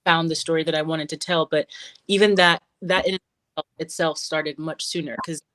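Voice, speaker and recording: Flat-toned Cameroonian-born woman guest. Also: deep voice, normal speed, no room sound. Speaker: guest comic creator. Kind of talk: interview answers.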